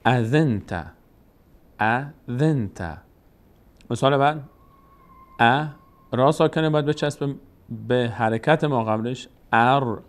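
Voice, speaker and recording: A man gives a recorded reading lesson at a middle pitch, one syllable at a time. He draws the sounds out slowly and explains each rule with patience. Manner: slow, drawn-out syllable-by-syllable demonstration. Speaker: Quran reading teacher.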